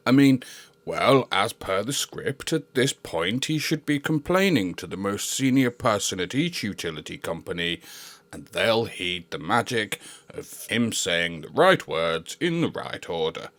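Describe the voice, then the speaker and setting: A man's voice: fairly low pitch, fairly bright tone. A man playing a stubborn, self-deluded Victorian grifter, indignant and blustering. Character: stubborn, self-deluded male con man, Scrooge type.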